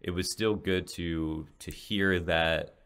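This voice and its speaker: Speaking slowly and steadily, a young podcaster and esports caster offers a solo, casual reflection into a large studio mic near his face, in a small room at home. His very low voice is a bit bright and turns raspy. He rambles, with lots of restarts and fillers.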